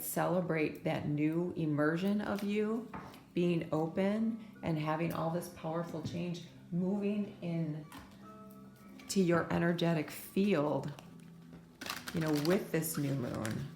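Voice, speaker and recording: This tarot reader speaks slowly in a low, gravelly voice, her throat a little scratchy from allergies. Soft music plays in an echoey room as she offers a gentle pick-a-card reading, often tossing in "right?"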